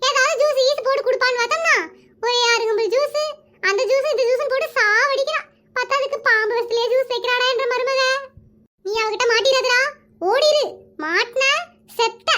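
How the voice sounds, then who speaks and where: Woman playing a shrill wailing mother-in-law. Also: normal speed, background noise. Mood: complaining. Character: fussy older mother-in-law, suspicious and dramatic. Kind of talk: comedy skit.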